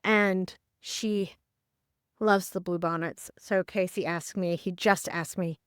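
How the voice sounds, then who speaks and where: A woman's voice: fairly low pitch, steady tone, takes it slowly, clean tone, dry recording, clean studio sound. A woman hosting a casual travel vlog, chatty and upbeat, talking straight to her viewers, with some scripted voice-over. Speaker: vlog host.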